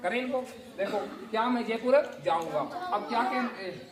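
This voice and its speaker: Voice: mid-range voice, moderate pace, far from the mic. A teacher runs a grammar lesson, spelling each word out and firing questions at the class. The voice sits back from the mic in an echoey classroom, with a crowd of students chiming in behind. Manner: spells words letter by letter and quizzes the class. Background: class of students answering.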